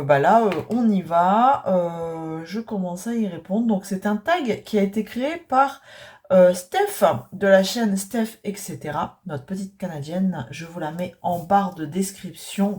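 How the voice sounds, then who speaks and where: A woman's voice: medium pitch, a little mellow. A woman with a northern French accent, a craft vlogger chatting casually and rambling with many hesitations while she tidies. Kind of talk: casual chat while tidying.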